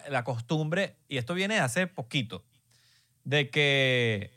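A young man with a Venezuelan accent, co-hosting a casual podcast chat and talking in an animated, slangy, excitable way. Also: mid-range voice, slow. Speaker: podcast co-host, musician.

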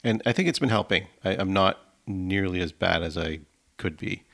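A man's voice: low-pitched, moderate pace, creaky, fairly bright tone. A man co-hosting a podcast in easygoing, agreeable casual chat. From Ontario, Canada. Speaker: podcast co-host.

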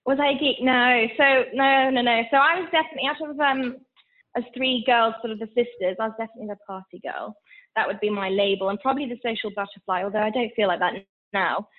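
A woman's voice: on the high side, fast. A woman in her thirties from Switzerland with a mixed international English accent, chatting candidly as an interview guest, with many fillers. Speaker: guest, founder of a business. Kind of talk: casual interview. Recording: tinny phone-like line.

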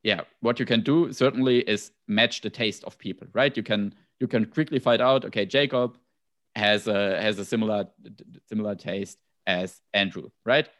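Man, German accent, fairly low voice; relaxed podcast chat, restarts often mid-sentence. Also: normal speed. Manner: thoughtful, frequent restarts and asides. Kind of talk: casual podcast conversation.

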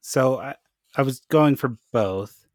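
A man's voice: medium pitch, takes it slowly, no room sound, studio quality. A man hosting a casual podcast chat, playful and jokey as he steers the topics. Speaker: podcast host.

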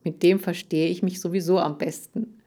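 A woman's voice: on the low side, level tone, normal speed, warm tone, close to an everyday voice. A woman voicing a friendly, enthusiastic young boy.

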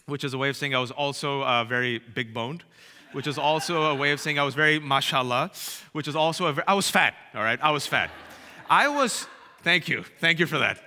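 Animated joking man in an echoing hall. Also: a little high, slight background noise. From Bay Area, California. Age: 30s. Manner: animated, joking with the audience, shouting punchlines. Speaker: speaker. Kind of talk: comic storytelling talk. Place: large hall with live audience. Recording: reverberant hall.

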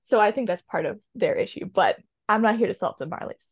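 A woman's voice: mid-range voice, expressive, a little fast, slightly rough, no room sound. A woman chatting casually on a podcast, opinionated and rambling with lots of ums. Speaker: podcast co-host. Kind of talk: casual chat.

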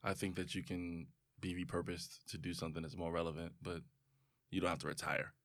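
A man co-hosting a casual podcast, opinionated with quick comebacks. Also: low voice, level tone, no echo, clean studio sound. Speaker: podcast co-host. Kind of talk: casual chat.

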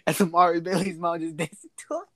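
A young man in casual chat with friends, joking and breaking into loud excited bursts. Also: on the high side, fast talker.

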